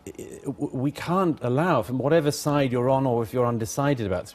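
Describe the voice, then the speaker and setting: A man's voice: mid-range voice, a little mellow. A man giving political commentary as a studio guest, arguing firmly and emphatically. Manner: firm, emphatic argument.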